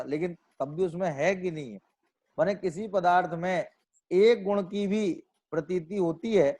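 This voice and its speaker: Male scripture lecturer, slightly higher voice, works through points with rhetorical questions and repetition. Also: a little mellow. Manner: asks rhetorical questions and answers them himself; repeats and restates phrases as he reasons aloud. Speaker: Jain scholar lecturing on scripture. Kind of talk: explanatory religious lecture.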